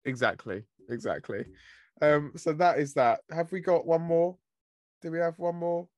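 A man's voice: a little high, fairly even intonation, normal speed, no room sound, clean studio sound. A British man from Britain co-hosting a podcast in casual chat, laughing often as he tells stories. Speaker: podcast co-host.

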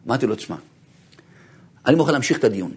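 A man, a rabbi, giving an animated lecture full of stories, swinging from low murmurs to high bursts and laughing as he tells them. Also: husky. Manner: laughs while telling stories.

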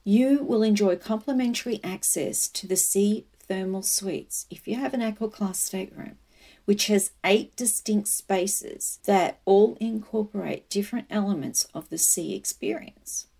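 Woman, medium pitch, travel presenter, explanatory, conversational, personal asides. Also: a little slow, creaky, mellow. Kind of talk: informative commentary with personal asides.

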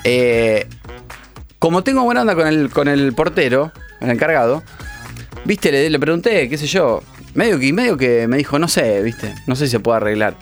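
Co-host joven, acento rioplatense, cuenta anécdotas y hace voces; timbre medio. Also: male voice, mid-range voice, normal speed, soft background music. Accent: Rioplatense Spanish. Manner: animated, acts out quoted voices. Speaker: radio show co-host. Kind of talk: casual storytelling chat.

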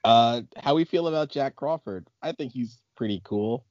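A man's voice: mid-range voice, moderate pace, darkish tone, no room sound. A man hosting a casual podcast chat, joking and laughing often. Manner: joking, laughs often, uses many fillers. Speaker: podcast host. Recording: dull lo-fi sound.

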